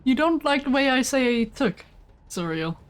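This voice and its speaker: A woman's voice: high voice, lively intonation, a little slow. A woman chatting casually with a co-player while streaming a video game, rambling about food and snacking between sentences. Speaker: livestreamer. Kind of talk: casual chat while gaming.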